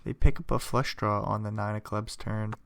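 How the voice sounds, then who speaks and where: A young man giving relaxed, chatty play-by-play commentary on a poker final table, thinking aloud with playful asides, while fighting off hiccups and yawns. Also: fairly low pitch, normal speed, gravelly, dry recording. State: hiccuping and yawning.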